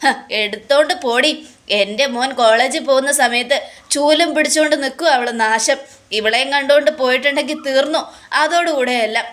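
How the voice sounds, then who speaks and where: A woman voicing a remorseful, ailing old father in a hospital bed, speaking in tearful, halting pleas. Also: high-pitched, fairly bright tone, voice pushed up. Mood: scornful.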